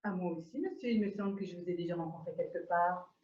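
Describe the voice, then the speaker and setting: A woman playing a prim English lady in an absurdist stage scene, speaking in measured, repetitive exclamations of polite surprise over a video call. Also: fairly low pitch, mellow, lightly acted. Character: prim English lady, mildly astonished, formal. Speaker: amateur actor. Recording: dull echoey room audio.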